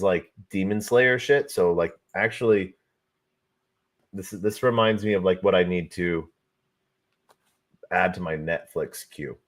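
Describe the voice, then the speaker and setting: A man hosting a livestream, thinking aloud in a slow, halting way while testing AI tools. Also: sits low. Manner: slow, halting, trailing off with fillers. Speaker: livestream host.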